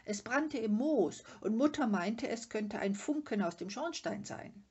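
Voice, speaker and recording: A woman's voice: on the high side, a little slow, slightly rough, voice pushed up. A woman doing an eager young troll boy. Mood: urgent. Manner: excited, urgent, reassuring. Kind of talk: storybook reading.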